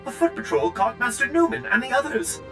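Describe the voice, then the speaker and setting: An actor playing a prim, fussy male servant droid in a video game, with a polished, too-smooth android delivery. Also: very high-pitched, brisk, over music. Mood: urgent. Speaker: game character.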